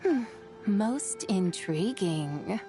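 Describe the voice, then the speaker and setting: In a fantasy game cutscene with music underneath, a woman voices a sly, haughty ancient female horse spirit. She speaks very slowly in a warm, medium-pitched voice with lively intonation. Her speech is theatrical, archaic, formal and teasing, and her mood is probing.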